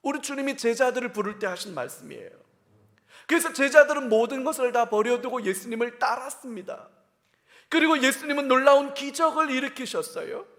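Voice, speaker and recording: A male pastor preaching a sermon, asking the congregation questions and dropping from loud emphatic bursts to hushed whispers. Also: extremely high pitch. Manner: addresses the congregation directly with questions. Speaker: senior pastor.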